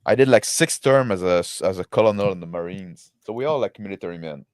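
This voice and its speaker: A man musing aloud in casual, halting chat while building a tabletop game character. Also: low voice, darkish tone, no room sound, studio quality.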